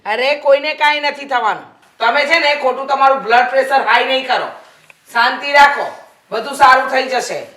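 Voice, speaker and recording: A middle-aged mother keeping the peace at home, gently placating her anxious husband. Her voice is of ordinary pitch and her manner soothing. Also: normal speed. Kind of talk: Gujarati film acting.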